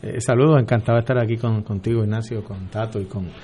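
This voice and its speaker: A man with a Puerto Rican accent answering interview questions as a candidate, halting and full of fillers. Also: fairly low pitch, fairly even intonation, mellow, slightly rough. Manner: hesitant, with many fillers. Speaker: political candidate guest.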